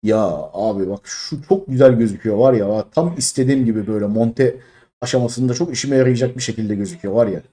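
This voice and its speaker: Opening crates on a mobile game live stream, a man from Turkey in his thirties vents his exasperation, fast and husky. He swings from loud, high-pitched outbursts to low muttering.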